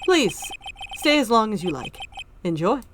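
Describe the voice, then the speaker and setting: A woman's voice: fairly high pitch, big pitch swings, measured pace, background noise. A woman voicing a chirpy, old-fashioned male bellhop in a video game, formal and eagerly deferential. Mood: chirpy, courteous. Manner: chirpy, formal, servile politeness.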